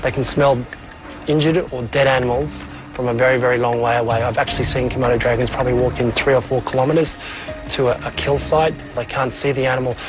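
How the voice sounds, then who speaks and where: A man's voice: mid-range voice, little pitch movement, quick pace, over music. A man speaking as a scientific expert, explaining things in a nature documentary interview.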